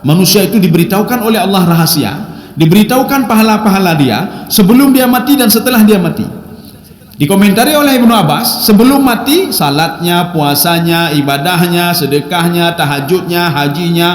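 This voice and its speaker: Male preacher, high and lively voice, sermon in an echoey hall with long reverb. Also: fairly quick. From Indonesia. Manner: lively lecturing, keeps adding "Pak"; recites Arabic Quran verses. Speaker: Islamic preacher. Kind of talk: sermon to a congregation.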